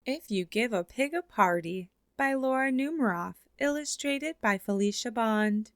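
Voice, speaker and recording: A woman reading a children's picture book aloud has a fairly high, bright voice and an expressive delivery, slowing down for the closing lines. The sound is dry and close, with no room echo.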